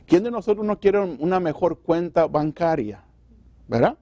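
A male pastor delivers a sermon in a church, firing off rhetorical questions and voicing imagined church members. His voice sits a little high yet sounds dark and mellow. The sound is dry and close. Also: expressive, normal speed, no echo, lo-fi sound. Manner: preaching with rhetorical questions and acted-out quotes. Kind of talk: Spanish sermon.

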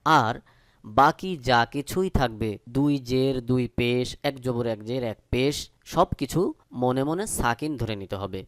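A man teaching Quran recitation in Bengali-accented speech. He spells each letter and vowel mark, then recites the words slowly. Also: medium pitch, smooth, no echo, studio quality. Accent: Bangladeshi Bengali. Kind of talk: step-by-step recitation lesson.

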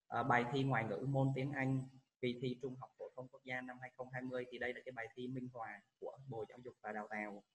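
A man teaching, a high school English teacher with a Vietnamese accent, going through exam questions and reading out the English answer words slowly before explaining them in Vietnamese. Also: a little hiss or hum, poor audio. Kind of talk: exam walkthrough lesson.

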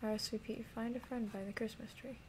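Streaming a game, a young woman talks fast to her chat in a jokey, casual way, sometimes whispering while hiding. Her voice is on the high side, level and a bit mellow. The audio is poor, with a little hiss or hum.

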